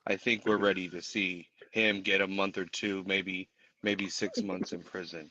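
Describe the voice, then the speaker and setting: A man who is an attorney, giving measured, matter-of-fact opinions on a live stream. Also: deep voice, level tone, sharp tone. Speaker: attorney guest. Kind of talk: casual live-stream panel talk. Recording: dry, dull lo-fi audio.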